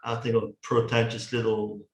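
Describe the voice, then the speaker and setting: A middle-aged man from the Netherlands, with a Dutch accent, speaks in a fairly low, flat voice at normal speed. He's a guest in a casual video-call chat using a headset, restarting often and repeating words, and the recording has a roomy echo.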